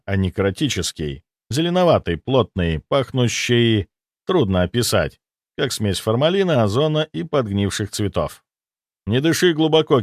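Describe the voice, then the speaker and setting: A man narrates a first-person fantasy audiobook in a lively voice that swings freely up and down. His wry, deadpan asides sit close on a studio mic. The sound is dry, with no room behind it. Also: fairly low pitch, no echo.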